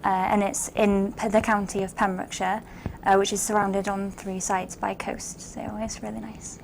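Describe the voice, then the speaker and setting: A young woman talks in a flat, even tone at a medium pitch. She introduces herself as an interview guest, with some background noise. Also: normal speed, creaky, poor audio. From west Wales. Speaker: student teacher, interview guest. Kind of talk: conversational self-introduction.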